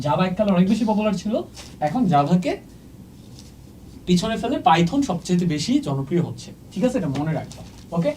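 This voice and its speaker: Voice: mid-range voice, dark tone, far from the mic, slight background noise, rough recording. A teacher giving an exam-prep lecture while writing on a board, often asking the class if they follow and mixing English words into the talk. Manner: checks in often with "okay?"; mixes English words into speech.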